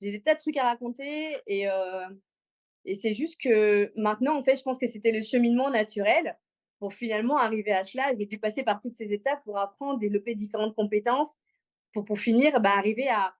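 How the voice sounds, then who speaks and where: Speaking briskly in a higher register, she's an interview guest from Congo who relocated to Belgium at six. She tells her personal stories in a talkative, informal way, peppered with slang.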